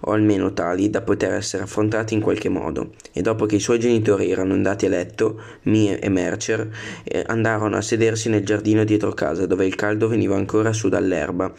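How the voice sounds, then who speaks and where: A man's voice: fairly low pitch, fairly even intonation, a little fast, creaky, a little mellow. A man reading a novel aloud, now and then stumbling and correcting himself on words. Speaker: book reader.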